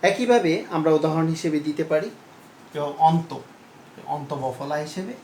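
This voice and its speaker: A man teaches a pronunciation lesson at a slow, deliberate pace. He repeats each word and keeps turning to his students with questions. His voice echoes in the room over a faint background hiss. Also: fairly high pitch, expressive, a little mellow.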